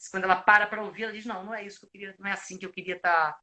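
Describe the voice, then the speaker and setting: Bright-voiced Brazilian actor giving advice. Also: male voice, high-pitched, fairly even intonation, racing. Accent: Brazilian Portuguese. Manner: reflective, explanatory, many filler restarts. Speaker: actor and acting coach. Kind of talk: live video chat, giving advice. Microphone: video call.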